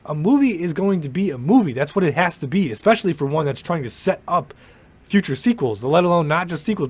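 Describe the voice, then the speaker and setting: A man's voice: a little high, breathy edge. Rambling, swearing young man. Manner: rambling, swearing, many fillers and restarts. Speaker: movie commentator. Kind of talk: casual ranting movie commentary.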